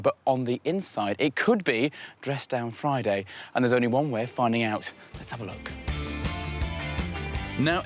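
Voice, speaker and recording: Lively punning male property presenter. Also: medium pitch. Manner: playful, punning, theatrical asides. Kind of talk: jokey TV presenting and narration.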